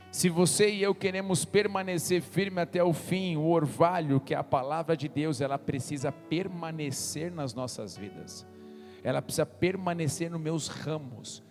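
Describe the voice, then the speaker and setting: A man preaching a sermon as pastor, moving from quiet Bible teaching to loud, impassioned calls. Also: fairly high pitch. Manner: impassioned preaching that swings from soft teaching to shouting. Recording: church hall reverb with music behind.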